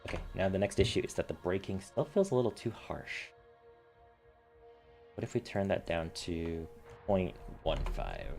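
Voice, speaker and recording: A man's voice: low-pitched, lively intonation, moderate pace, gravelly, pauses often, a little mellow, soft background music. A man streaming while building a game, casually thinking aloud and muttering settings as he tinkers.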